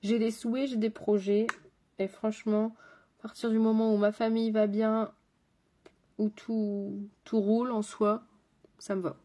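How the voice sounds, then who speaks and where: A woman's voice: medium pitch, flat delivery, a little slow, long pauses, dark tone. A woman with a French accent, a makeup artist chatting with viewers while doing her makeup on a live stream. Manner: chatty, talks straight to viewers and chat.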